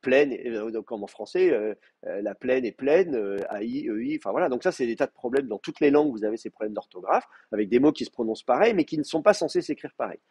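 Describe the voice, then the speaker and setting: A man's voice: medium pitch, lively intonation, fast, darkish tone, slightly rough. A man lecturing a Hebrew class, explaining patiently with many fillers and restarts. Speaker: Hebrew teacher. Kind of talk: university lecture.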